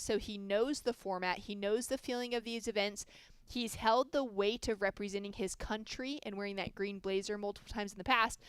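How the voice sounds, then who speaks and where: A woman's voice: mid-range voice, a bit bright, clear, resonant tone, no room sound, clean studio sound. A woman commentating live on a surfing contest, giving fluent, informative play-by-play. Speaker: surf commentator.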